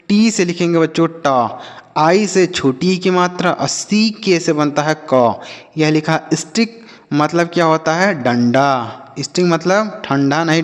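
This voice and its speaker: Male teacher, patient with children, spells letter by letter, slightly higher voice, long reverb on the recording. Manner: patient, asks and answers his own questions. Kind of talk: English reading lesson for children.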